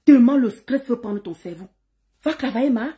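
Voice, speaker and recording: High-voiced woman ranting on a live stream. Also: moderate pace, warm tone. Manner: insulting, taunting, swings to laughing greetings; repeats words and phrases. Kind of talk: heated live-stream rant.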